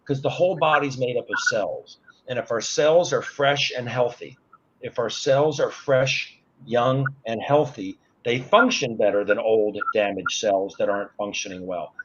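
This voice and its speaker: A man's voice: medium pitch, measured pace, fairly bright tone. Man in his sixties, earnest step by step explainer, kinda dull audio with light hiss. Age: 60s. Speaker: guest. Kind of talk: product explanation on an online show.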